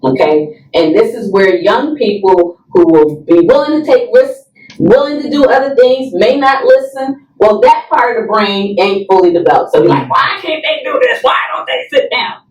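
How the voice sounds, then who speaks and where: This woman's voice sits on the high side, animated and a little mellow, at a normal pace, with the highs cut off. Appearing as a guest expert on substance use and overdose prevention education, she explains things in a conversational, instructive way, often checking in with short tags like "right" and "okay." The audio is roomy and echoey, and she sounds distant from the mic.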